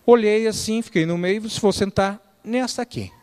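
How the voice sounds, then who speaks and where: A middle-aged man preaching in a church, telling lively stories, quoting people and quizzing his listeners. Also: high-pitched, normal speed, clean tone. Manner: lively storyteller, quotes people and quizzes the audience. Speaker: church speaker. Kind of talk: storytelling sermon. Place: church hall.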